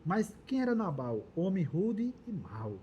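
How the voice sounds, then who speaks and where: A man's voice: sits high, sing-song, a little slow, dull audio, slight background noise. A Brazilian man leading a Bible study dialogue, reading verses aloud and explaining them earnestly. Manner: reads scripture aloud, then explains it earnestly. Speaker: church Bible teacher.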